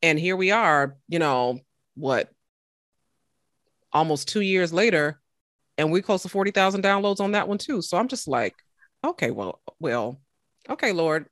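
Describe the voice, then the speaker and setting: A podcaster shares a heartfelt testimony in an animated, faith-filled way, often stopping and restarting mid-thought. The voice sits at a middle pitch. It is recorded close and dry, with no room sound. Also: moderate pace, pauses often, dry recording. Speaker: podcaster guest. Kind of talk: emotional storytelling in conversation.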